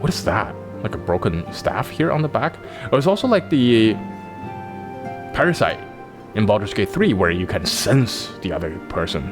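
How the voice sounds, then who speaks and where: A man with a low voice riffs casually over a story game, cracking jokes and thinking aloud. His pitch swings widely, and faint game music plays beneath him. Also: very animated, normal speed. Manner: chatty, wisecracking, thinks aloud with fillers. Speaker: let's play host. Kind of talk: casual gameplay commentary.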